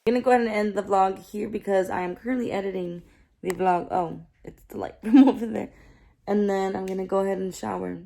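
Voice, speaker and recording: A woman's voice: mid-range voice, fairly even intonation, brisk, vocal fry, mellow. Chatty young woman vlogging casually. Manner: chatty, rambling, filler-heavy. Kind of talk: casual chat. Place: in a car, then at home. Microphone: camera held close.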